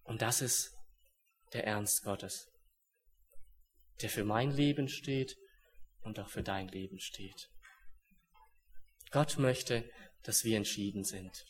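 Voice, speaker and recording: A young man preaching a sermon in an earnest way, dropping to hushed solemn words and then rising to urgent ones. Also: on the low side, slow, long pauses.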